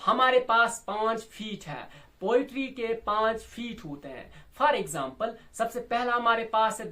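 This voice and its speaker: Male poetry teacher, slow and repetitive delivery, counts syllables aloud, drags out examples. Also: high-pitched, bright, forceful tone. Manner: draws out English example lines slowly. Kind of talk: explanatory lesson on poetic meter.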